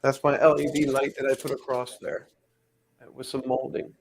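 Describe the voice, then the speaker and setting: A man's voice: mid-range voice, level tone, moderate pace, gravelly, slight background noise, poor audio. A man chatting casually about his collection, rambling and thinking aloud as he works. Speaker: pin collector host. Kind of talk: casual chat while hanging pins.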